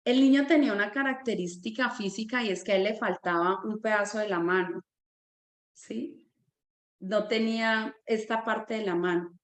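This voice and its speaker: Lively woman storyteller, echoey room. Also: medium pitch, moderate pace. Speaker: Sunday school director. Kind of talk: personal testimony in a church teaching.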